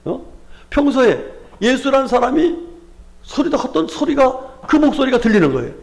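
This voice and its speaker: A man's voice: extremely high pitch, sing-song, normal speed, gravelly. A male pastor with a Chungcheong accent preaching a Sunday sermon, asking the congregation rhetorical questions and often calling out hallelujah. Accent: Chungcheong Korean. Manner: frequent exclamations of hallelujah.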